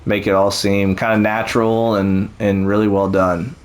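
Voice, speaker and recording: A man's voice: on the low side, little pitch movement, normal speed, low-quality recording. A man chatting casually and encouragingly as he tours a theme park build, rambling with fillers. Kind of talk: casual chat over gameplay.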